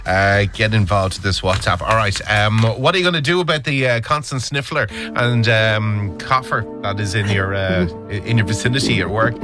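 A man's voice: on the low side, moderate pace, few pauses. Blunt man hosting radio. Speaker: radio host. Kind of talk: casual radio chat. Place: radio studio. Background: music.

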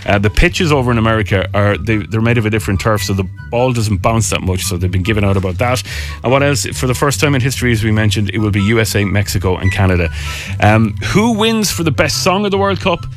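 A man's voice: on the low side, animated, fast talker. Chatty Irish radio host man. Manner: chatty and upbeat, with many ums and uhs. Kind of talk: casual radio chat. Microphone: studio microphone. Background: music bed.

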